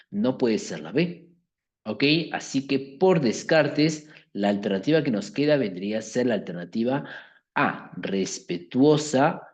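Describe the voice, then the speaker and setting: A man's voice: mid-range voice, a little mellow. A man teaching a class, explaining an exercise step by step and often checking that students follow. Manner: keeps checking understanding with tag questions.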